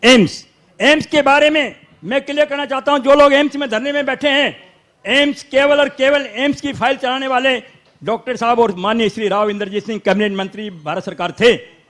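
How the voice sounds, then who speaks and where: A man's voice: very high-pitched, steady tone, fairly quick, a bit bright. A man with a Haryanvi accent, a local supporter arguing insistently in a heated panel debate. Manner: insistent, argumentative, interrupts to defend his side.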